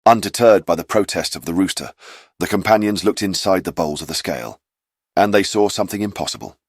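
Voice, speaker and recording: A man's voice: sits low, fairly quick, dry recording, studio quality. A man narrating a scripted fantasy adventure recap as a storyteller given to wry, chatty asides.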